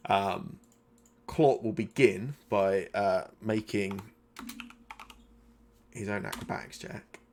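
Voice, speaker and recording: A man's voice: on the low side, slow pace, pauses often, darkish tone, a little hiss or hum. A man narrating as game master of a tabletop game, in a rambling, self-correcting way, speaking into a desk microphone at home.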